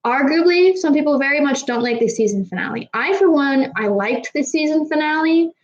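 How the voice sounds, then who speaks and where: A woman's voice: high-pitched, expressive, a little fast, dull audio. A young woman from Kazakhstan, slightly tipsy, chatting casually with a live audience, rambling and swearing freely, with trouble pronouncing her R's. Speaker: streamer answering chat.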